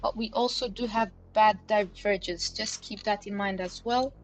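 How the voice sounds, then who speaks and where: A woman hosts a live crypto chart analysis stream, chatting casually with her viewers and addressing the chat directly, with lots of fillers like "you know" and "okay." Her mid-range voice keeps a fairly even intonation at a moderate pace. The livestream recording is rough, with faint background music.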